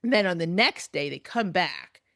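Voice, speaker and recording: A woman's voice: fairly low pitch, expressive, measured pace, fairly bright tone, no echo. Woman teaching Bible text, dry sound. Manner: reads Hebrew verses aloud, then translates and explains. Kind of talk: recorded lecture.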